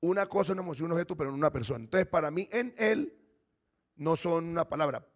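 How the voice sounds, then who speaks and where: A man's voice: fairly high pitch, expressive, quick pace. A man pastor preaching a sermon, teaching and putting questions to his congregation.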